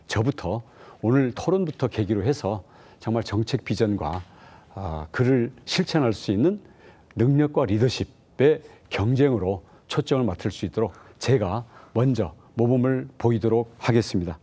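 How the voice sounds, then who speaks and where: A man's voice: mid-range voice, animated, normal speed, warm tone, breathy edge. A man speaking in a televised debate, hesitant with many fillers and evasive replies. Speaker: debate candidate.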